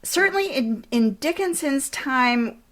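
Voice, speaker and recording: A woman interviewer speaking conversationally, with thoughtful and measured phrasing. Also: high voice, expressive, fairly bright tone.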